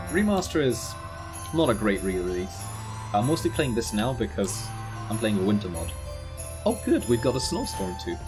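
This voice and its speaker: With a mid-range voice, a man from the Netherlands livestreams a driving game, casually narrating as he goes. He talks with viewers and laughs whenever he crashes.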